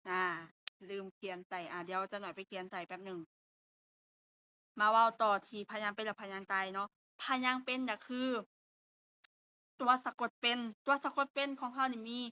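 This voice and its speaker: A woman's voice: medium pitch, moderate pace, sharp tone, clean tone. A young woman with a Lao accent, teaching an online language lesson and explaining step by step with patient fillers.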